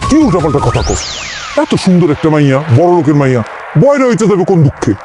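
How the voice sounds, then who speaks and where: A woman's voice: low-pitched, big pitch swings, fast talker. Middle-aged woman, scolding village mother-in-law, dramatic wailing complaints, drama music behind. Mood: exasperated. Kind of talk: village comedy drama acting.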